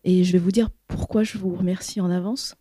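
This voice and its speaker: Reflective woman from the audience, mellow voice. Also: on the low side, fairly even intonation, a little fast, slight background noise. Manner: careful, reflective, with many hesitations. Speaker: audience member sharing a reflection. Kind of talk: audience comment at a public talk.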